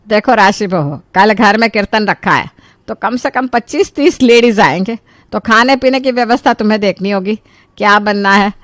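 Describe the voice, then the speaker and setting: A woman's voice: mid-range voice, normal speed, a bit bright, dry recording, lightly acted. A woman voicing an exasperated, sarcastic middle-aged mother-in-law scolding her daughter-in-law in a cartoon story. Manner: nagging, sarcastic.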